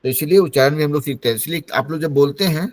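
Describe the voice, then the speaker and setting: A man's voice: on the high side, quick pace, darkish tone, dry recording. A man from Bihar teaching an online English-speaking class over a video call, explaining patiently in a mix of Hindi and English. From Bihar, India.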